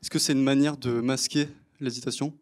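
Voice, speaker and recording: A man's voice: mid-range voice, fairly even intonation, a little fast, darkish tone. Hesitant man asking from the audience. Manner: hesitant, polite. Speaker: audience member asking a question. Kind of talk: audience question.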